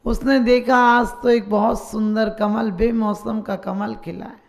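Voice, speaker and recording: A woman's voice: a little high, little pitch movement, a little slow, vocal fry. A woman, a Jain nun, giving a sermon full of rhetorical questions and closing blessings.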